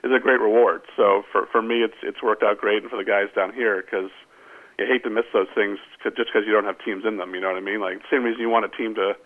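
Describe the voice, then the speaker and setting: A male sportswriter chatting casually about high school sports, rambling and saying "I mean" a lot. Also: fairly even intonation, quick pace, narrow, tinny audio. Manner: rambling, restarts often, says "I mean". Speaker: sportswriter guest.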